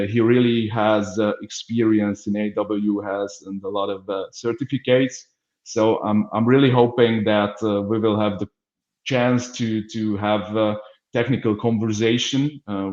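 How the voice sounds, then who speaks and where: A business development manager with a Hungarian accent opens a webinar on a video call, hesitating often with fillers and restarts. His voice is lowish and darkish, recorded with reverb and cut-off highs.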